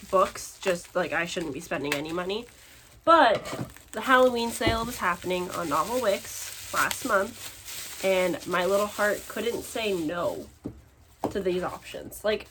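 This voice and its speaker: A woman who vlogs about books shows off her purchases, chatting casually to her audience in an expressive, giggly way full of exclamations. Her voice sits at medium pitch, and background noise is clearly audible in the recording.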